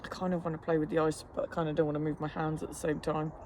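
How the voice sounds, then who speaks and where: This fitness vlogger is enduring a cold plunge outdoors, talking to the camera in a loose, self-deprecating, matter-of-fact ramble while the icy water stresses him. He races through his words in a slightly high, darkish voice with completely flat delivery. A little hiss or hum runs underneath.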